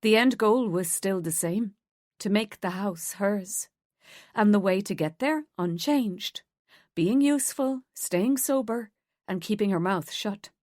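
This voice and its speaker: Female narrator, measured audiobook delivery, dry booth sound. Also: medium pitch, no echo. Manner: steady, measured storytelling. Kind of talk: scripted narration.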